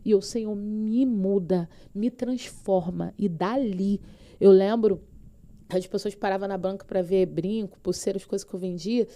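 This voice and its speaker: A woman's voice: mid-range voice, unhurried, dark tone. A woman pastor with a Brazilian Portuguese accent, telling her personal faith testimony as a podcast guest with fervent, vivid storytelling.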